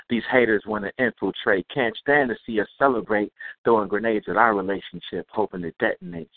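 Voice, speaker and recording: A man's voice: lowish voice, vocal fry, no room sound. A man reciting spoken-word poetry as a guest on a podcast, with a rhythmic, rhyming delivery. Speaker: guest poet. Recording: dry, tinny phone-like sound.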